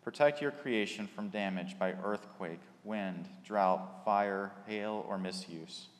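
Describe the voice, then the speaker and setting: A man leading liturgical prayers in a slow, measured way, his voice carried by a long cathedral-like echo in a large church. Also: on the low side. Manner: slow, measured litany delivery. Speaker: worship leader. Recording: reverberant church hall.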